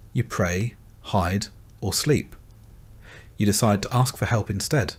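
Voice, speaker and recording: A man narrating a scripted bedtime story in a calm, gentle second-person voice. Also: mid-range voice.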